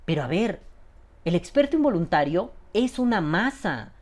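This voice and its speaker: Speaking at normal speed in a high voice, a man in his thirties with a Mexican Spanish accent hosts a show and rants casually. He swears freely and animatedly, imitating other people's voices throughout the monologue.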